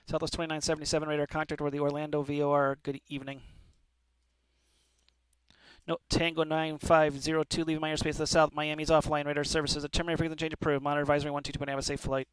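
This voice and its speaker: Clear, higher-voiced male air traffic controller. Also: little pitch movement, very fast, dry recording, poor audio. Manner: procedural, clipped, courteous sign-offs. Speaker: air traffic controller on a flight-simulation network.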